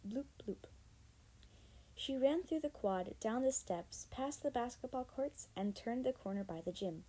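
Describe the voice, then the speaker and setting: A woman's voice: on the high side, animated, moderate pace, dark tone, breathy edge, poor audio. A woman narrating a story chapter by chapter, reading steadily and expressively. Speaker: audiobook narrator.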